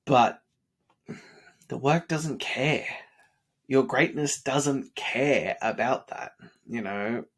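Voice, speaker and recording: A congested, sniffly man in his thirties, working as a vlogger, gives an earnest but rambling motivational talk late at night. His mid-range voice moves very slowly, with long pauses and plenty of filler words, and he sounds tired.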